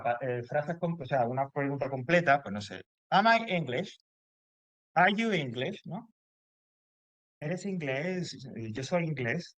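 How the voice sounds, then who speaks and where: A man's voice: mid-range voice, fairly bright tone, dry recording. A man teaching English grammar to a class, explaining step by step and checking in often.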